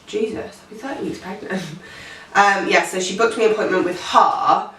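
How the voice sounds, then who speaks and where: A woman's voice: medium pitch, normal speed, fairly bright tone, slight background noise. A pregnant young woman, chatting casually to camera in a rambling way, with many fillers. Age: teens. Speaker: vlogger. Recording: echoey room, mic far off.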